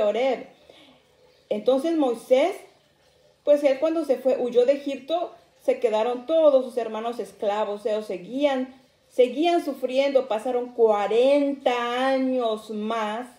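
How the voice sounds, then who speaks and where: A woman's voice: high voice, warm tone. A woman telling a Bible story to children as their teacher, asking them questions as she goes. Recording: echoey room, mic far off.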